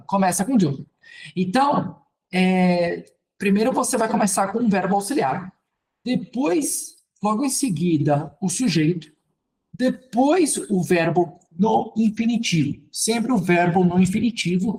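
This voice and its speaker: A Brazilian man teaching English grammar in Portuguese, explaining step by step in a relaxed, conversational way and often checking in with "ok, gente". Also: sits high, slight background noise. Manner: conversational, repeats "ok, gente" and "então". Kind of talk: casual spoken lesson at a board.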